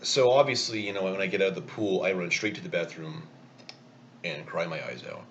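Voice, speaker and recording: A man's voice: sits low, a little fast, fairly bright tone, dull audio, a little hiss or hum. A man telling a rambling, self-mocking story in a casual vlog while eating. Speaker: vlogger.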